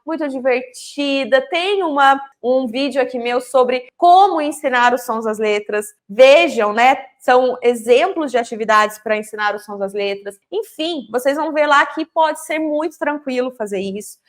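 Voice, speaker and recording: A woman's voice: high-pitched, moderate pace, few pauses. A woman explaining literacy teaching with movable letters to teachers and parents, speaking directly to viewers. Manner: explanatory, addresses viewers directly, acts out teacher-child dialogue. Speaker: literacy educator.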